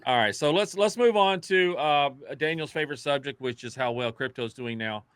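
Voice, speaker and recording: A man's voice: a little high, normal speed, fairly bright tone, smooth, no echo. A man hosting a casual podcast, joking and sarcastic, laughing often. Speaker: podcast host.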